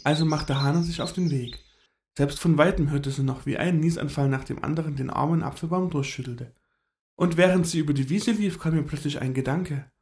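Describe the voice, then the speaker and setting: A man gently narrating a children's story in an expressive storytelling manner. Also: on the high side, a little fast.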